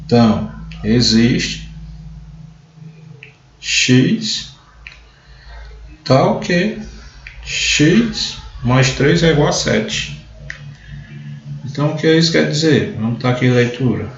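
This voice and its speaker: A math teacher runs a live online logic class, explaining step by step and often opening with "então." His mid-range voice is animated but slow, with long pauses. The echoey room gives dull lo-fi sound with a little hiss or hum.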